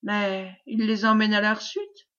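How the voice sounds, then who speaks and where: A woman reading the part of an aged aristocratic marquis with a fluting voice, calm and knowing, on a dull lo-fi recording. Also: mid-range voice, unhurried, close to an everyday voice.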